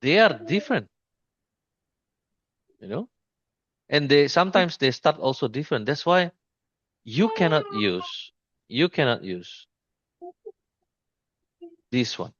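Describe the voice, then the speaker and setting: A man giving an informal screen-share trading lesson, speaking haltingly with many restarts and repeated pointers to the chart. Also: mid-range voice, sing-song, a bit bright, no echo, lo-fi sound. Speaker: trading mentor.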